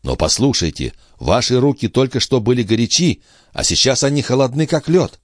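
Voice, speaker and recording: Man playing a worried tender brother, gently questioning, lively intonation, dry close audiobook sound. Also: medium pitch, brisk, no room sound, voice pushed up.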